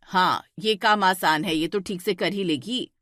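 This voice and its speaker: Woman playing a stern mother-in-law, scolding, sharp questions, lower voice, dry close sound, cartoon story. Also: measured pace, dry recording.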